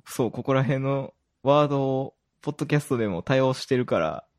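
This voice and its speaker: Animated man with a Kansai Osaka accent. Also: medium pitch, fairly quick. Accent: Kansai (Osaka-area) Japanese. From Kansai, Japan. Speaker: podcast host. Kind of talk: casual chat.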